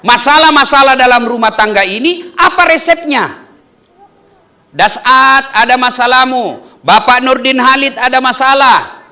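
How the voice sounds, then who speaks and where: A man from Indonesia giving a humorous marriage sermon, asking and answering his own questions and swinging between loud exclamations and soft asides. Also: extremely high pitch, normal speed. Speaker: preacher.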